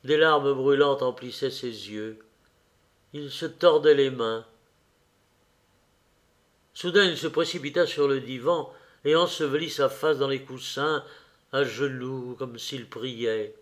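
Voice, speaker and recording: A man narrating a classic novel as an audiobook, in a measured, expressive storytelling manner. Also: medium pitch. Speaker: audiobook reader.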